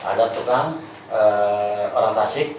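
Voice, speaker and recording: A man with a Sundanese accent teaching an informal class, chatty and halting, often repeating words. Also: lowish voice, a little mellow. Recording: echoey room, distant mic, faint noise.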